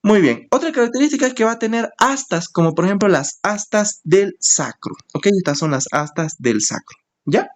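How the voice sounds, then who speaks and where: A man's voice: high voice, animated, moderate pace. A man teaching an anatomy lesson. He explains step by step, repeats key terms for emphasis and keeps checking in with his students. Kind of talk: screen-share anatomy lesson.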